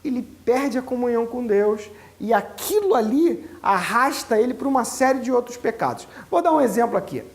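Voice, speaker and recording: A pastor, a man, teaching a sermon to church leaders in an animated, colloquial way, asking the audience many rhetorical questions. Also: extremely high pitch, moderate pace, hardly any pauses.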